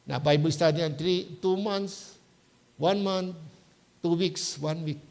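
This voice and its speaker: Male pastor, sermon at a church service, high voice, gravelly texture, chatty preaching, keeps asking "Hello?". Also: slow pace, a little mellow. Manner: keeps asking the congregation "Hello?" to check they follow; mixes English words into Tagalog preaching.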